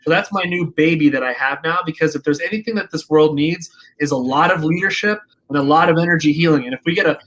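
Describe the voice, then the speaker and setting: A man's voice: fairly high pitch, fast, hardly any pauses, fairly bright tone, a little hiss or hum. A man being interviewed as a guest, speaking passionately and emphatically, with a preachy edge. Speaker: guest, energy healing practitioner. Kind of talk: casual interview.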